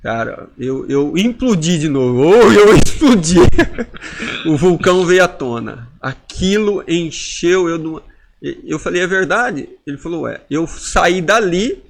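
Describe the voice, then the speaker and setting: A man's voice: fairly high pitch, lively intonation, unhurried. A man in his forties giving an emotional personal testimony as a podcast guest, acting out inner dialogues with intensity. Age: 40s.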